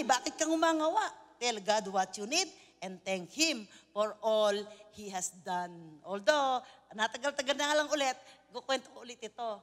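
A Filipino woman preacher giving an animated sermon, telling stories with frequent laughter. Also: high voice, in a large hall. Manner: animated storytelling, mixing in laughter and English phrases.

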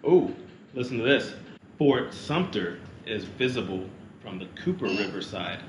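A man with a lowish, unhurried voice chats casually on a family travel vlog, reading facts aloud while playfully joking with and teasing a child. The room is echoey, with steady background noise.

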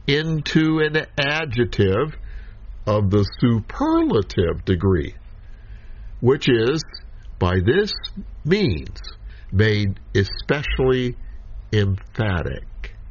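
A man teaching a Bible study lecture, slow and deliberate, pausing between short phrases as he explains scripture. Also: lowish voice, wildly swooping pitch, slight background noise. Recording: dull lo-fi recording.

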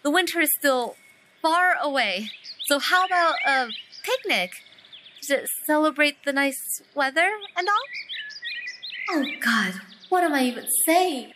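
A woman voicing a lively young wife. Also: high voice, a little slow, noisy background. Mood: gentle. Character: cheerful young wife, easily embarrassed. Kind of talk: indie game voice acting.

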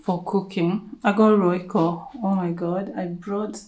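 In a steady, unhurried voice of fairly low pitch and darkish tone, a young woman with a Kenyan accent gushes playfully to camera and hypes herself up in her living room. The camera's built-in mic, a few feet away, gives an echoey room sound with a little hiss or hum.

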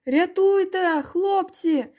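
A woman voicing a panicking boy who yells frantic pleas for help in a storybook reading. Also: very high-pitched, takes it slowly, pitched above the performer's own voice. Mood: panicked. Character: panicking boy drowning in a costume.

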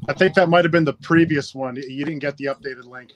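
A man's voice: fairly high pitch, fairly even intonation, fairly quick, rough recording. A man hosting a live stream giveaway in a casual, chatty and upbeat way, talking into a phone. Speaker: livestream giveaway host.

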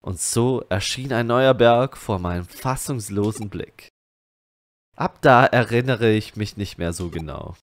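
A man reading game dialogue and narration aloud as a let's player, lively and shifting between characters' lines. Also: lowish voice, a little slow.

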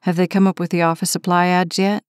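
A woman's voice: fairly low pitch, little pitch movement, quick pace, clear, resonant tone, no room sound, studio quality, lightly acted. A woman reading as a frustrated young firefighter. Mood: plain. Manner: timid, matter-of-fact. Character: injured young firefighter man, frustrated but gentle. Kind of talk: audiobook character reading.

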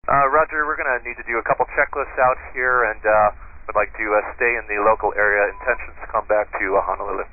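Fast-talking pilot on cockpit headset radio. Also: male voice, fairly low pitch, steady tone. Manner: terse aviation phraseology with hesitant fillers. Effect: pilot's headset radio transmission. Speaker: airline pilot. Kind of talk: cockpit radio calls to air traffic control. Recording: tinny radio link with faint hiss.

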